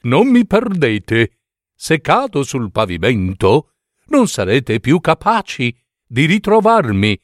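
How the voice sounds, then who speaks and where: A haughty little darning needle speaks in a high, fussy voice full of self-importance, as a male narrator puts it on. Its pitch leaps around as it frets about being too thin. The sound is dry and close. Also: huge pitch swings, takes it slowly, no echo, exaggerated voice. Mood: vain, fussy. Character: vain fragile darning needle, thin and proud.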